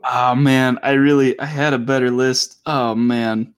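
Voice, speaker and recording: A man's voice: mid-range voice, steady tone, unhurried, smooth. A man co-hosting a casual podcast, rambling and hesitant, with lots of fillers and restarts. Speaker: podcast co-host. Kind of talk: casual chat.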